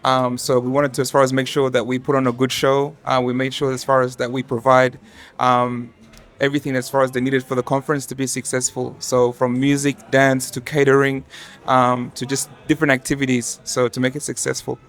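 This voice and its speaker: A man who was team leader, answering interview questions in a measured way with fillers. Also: medium pitch, flat delivery, a bit bright.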